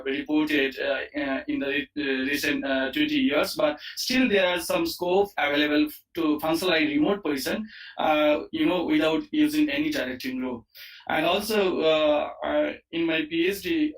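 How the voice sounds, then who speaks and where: Halting Indian-accented man lecturing. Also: fairly high pitch, fairly bright tone, low-quality recording. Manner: halting, hesitant delivery full of fillers and repeated words. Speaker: university lecturer, chemistry professor. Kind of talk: online academic lecture.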